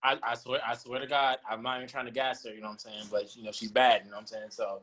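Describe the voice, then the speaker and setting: Young man, quick bursts of halting slang. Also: medium pitch, little pitch movement, a bit bright. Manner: halting, repeats himself and says you know. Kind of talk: casual slangy chat.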